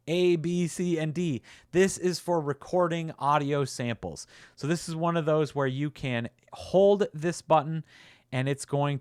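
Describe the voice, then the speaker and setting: A man's voice: a little high, smooth, no room sound, studio quality. A man casually walking through a product demo, upbeat and chatty with frequent "uh"s and repeats. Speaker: tech reviewer.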